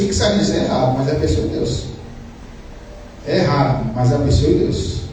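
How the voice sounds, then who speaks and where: A male pastor preaching a sermon in a church hall, fervently, with rhetorical questions and repeated phrases that drop into hushed prayer. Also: sits high. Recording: echoey hall, voice from a distance, faint noise.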